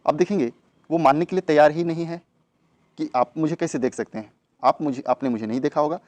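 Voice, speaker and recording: A man gives a classroom grammar lesson and repeats each point, asking a question and then answering it. His voice sits a little high for a man. The recording is dry and close, with no room sound. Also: brisk, a little mellow, no echo. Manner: repetitive, asks rhetorical questions then answers them. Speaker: English grammar teacher.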